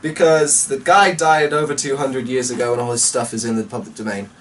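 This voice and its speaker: Rambling to his viewers on a casual vlog, the host mutters in a distracted, mildly exasperated way. His voice is medium in pitch with a steady tone and a brisk pace. The recording comes from a distant mic, with faint noise behind him.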